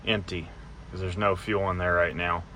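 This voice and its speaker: A man's voice: sits low, little pitch movement, moderate pace, noisy background. A man giving a casual step-by-step how-to while working on his van. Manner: plain, practical, explaining step by step. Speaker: DIY van builder.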